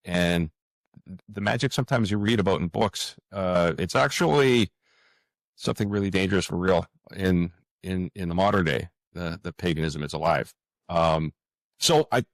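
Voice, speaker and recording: Reflecting in a podcast interview, a fantasy writer speaks in a low voice with a close, dry, echo-free sound. He's earnest but halting, frequently doubling back on his words as he explains himself.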